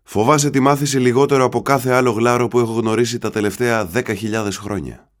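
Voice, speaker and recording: A man's voice: mid-range voice, fairly even intonation, pitched below the performer's own voice, close to an everyday voice. A man voicing a frank old male seagull teacher in an audiobook. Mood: wry. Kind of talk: audiobook reading.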